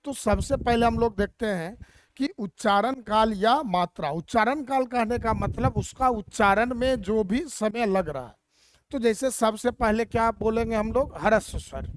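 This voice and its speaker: A woman's voice: a little high, a little slow. A woman teacher explaining Hindi grammar step by step and asking rhetorical questions as she goes.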